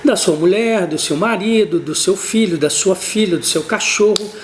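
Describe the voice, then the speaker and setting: A woman with a Brazilian Portuguese accent teaching an English lesson, explaining patiently and saying English examples slowly and carefully. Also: mid-range voice, slight background noise.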